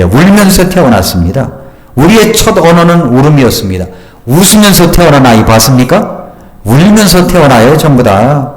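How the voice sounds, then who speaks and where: An older man in his sixties, a pastor preaching a sermon with emphatic, rhetorical questions. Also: on the high side. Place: church sanctuary. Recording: echoey church hall.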